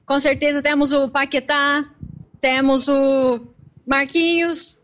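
A Brazilian woman with a high voice answers questions outside a stadium. She is an excited football fan who replies with upbeat confidence. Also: slow. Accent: Brazilian Portuguese. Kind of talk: street interview.

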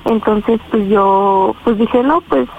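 A woman's voice: medium pitch, slow pace, creaky. A teenage girl with a Mexican accent calling in to a radio show, hesitant and full of fillers. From Estado de México. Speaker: caller. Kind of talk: telling her story to a radio host. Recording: tinny phone line with faint noise.

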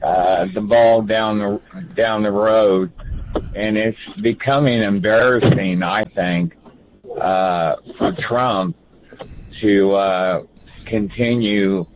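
Slow, halting man calling in. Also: on the low side, steady tone, highs cut off, slight background noise. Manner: halting, many uh fillers. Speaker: caller.

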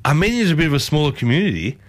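A man's voice: fairly high pitch, sing-song, racing. A man hosting a casual interview, enthusiastic and chatty, often affirming his guest. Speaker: host.

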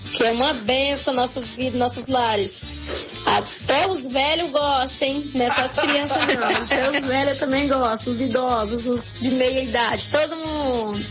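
A woman listener sending a slow, friendly voice message to a radio program. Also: high voice. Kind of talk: recorded voice message. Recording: dull lo-fi audio with music.

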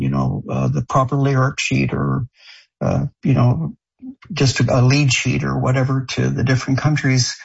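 In an interview, a Canadian-born man who grew up in France answers questions in a gravelly, husky voice of medium pitch and darkish tone. He is a show creator and songwriter, and he speaks haltingly, with lots of fillers and restarts. The recording sounds dull and lo-fi.

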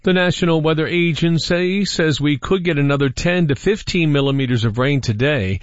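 Male radio newsreader, measured delivery. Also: on the high side, dry recording, highs cut off. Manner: crisp, measured newscast delivery. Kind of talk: scripted news reading.

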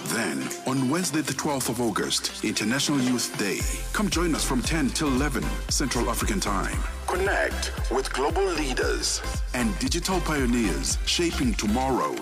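Promo announcer, male, mid-pitched, highly animated reads, music bed. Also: moderate pace. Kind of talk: scripted promo voice-over. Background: loud music.

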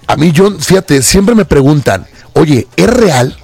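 Upbeat gravelly radio host man. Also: a little high, big pitch swings, takes it slowly, a little mellow, no room sound, soft background music. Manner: upbeat, playful. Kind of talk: live radio banter. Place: radio studio booth.

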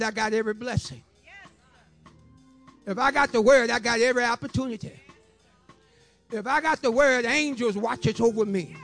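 This septuagenarian man preaches a passionate testimony with an extremely high-pitched voice. He repeats phrases in a rhythmic pattern, bursting into shouts and lines that are half sung.

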